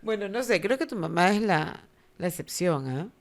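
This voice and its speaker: A woman's voice: fairly low pitch, expressive, normal speed. A middle-aged woman with a Peruvian Spanish accent, co-hosting a casual chat and acting out quoted voices as she tells stories. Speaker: podcast co-host.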